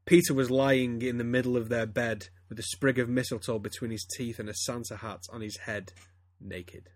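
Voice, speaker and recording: A man's voice: medium pitch, fairly even intonation, moderate pace, dry recording. A man reading fan fiction aloud to friends, stumbling and breaking into laughter as he goes. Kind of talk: casual comedic reading aloud.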